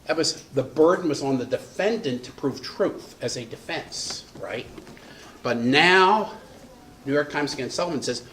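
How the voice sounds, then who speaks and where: A man teaching a law lecture for bar exam prep, acting out examples with sudden dramatic jumps in pitch. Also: a bit bright, a little hiss or hum.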